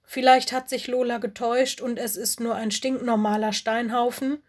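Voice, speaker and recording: A woman doing Lenny, a steady earnest bear cub. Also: on the high side, normal speed, lightly acted. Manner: earnest, level-headed.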